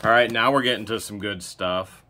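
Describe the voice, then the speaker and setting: A man's voice: on the low side, normal speed. A man in his thirties, hosting and joking as he digs through boxes at a storage unit, recorded outdoors on a body-worn camera. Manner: chatty, joking while digging through boxes. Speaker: storage unit buyer and host. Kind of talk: casual unboxing commentary. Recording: noisy outdoor recording with handling clicks.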